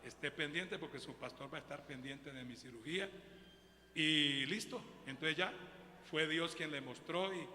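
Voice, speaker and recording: A man's voice: on the high side, moderate pace, pushed and bright, a little hiss or hum. A man preaching a sermon as pastor, with a Colombian Spanish accent and an emphatic style, calling the congregation "brother". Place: church hall. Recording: echoey church hall with long reverb.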